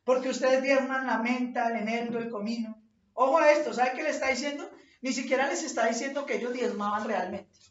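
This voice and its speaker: A woman's voice: fairly high pitch, a little fast. Impassioned woman preacher, echoey and distant. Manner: impassioned, rising to shouts when quoting scripture. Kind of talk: sermon. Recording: echoey distant lo-fi church recording.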